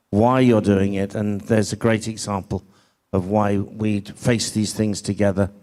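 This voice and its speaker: Male pageant host, lower pitch, reflective commentary. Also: darkish tone. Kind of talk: stage hosting.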